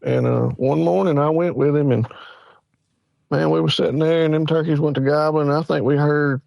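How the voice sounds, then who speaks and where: The voice belongs to Hunter, a forty-something guest from Mississippi who tells loose, folksy stories in a Southern accent, thick with fillers, in a casual interview. It's on the high side and gravelly, steady in tone and moderate in pace. The recording has no echo but the highs are cut off.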